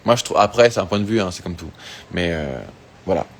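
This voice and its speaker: A deep-voiced, laid-back man talks fairly quickly on a phone livestream from an outdoor or open space in Tahiti. He's a singer doing an Instagram live, chatting casually as he reads out fan questions, full of fillers and restarts.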